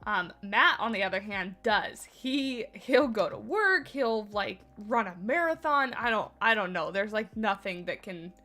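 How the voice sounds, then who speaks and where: Slightly congested from a cold, a woman livestreams a game from her home office and talks casually with her chat, wandering off topic and putting herself down now and then. She has a medium-pitched, expressive, sharp-toned voice and speaks at a measured pace with hardly any pauses.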